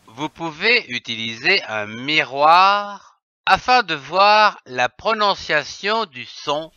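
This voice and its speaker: A man teaching young children to read with phonics, spelling words letter by letter in a very deliberate way. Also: on the high side, lively intonation, bright, forceful tone, clean tone, dry recording. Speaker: reading teacher. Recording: dry, dull lo-fi recording.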